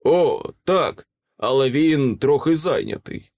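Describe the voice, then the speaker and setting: A man voicing a calm, patient grown man who talks mildly and hesitantly. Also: a little high, takes it slowly, no echo, studio quality, pitched above the performer's own voice.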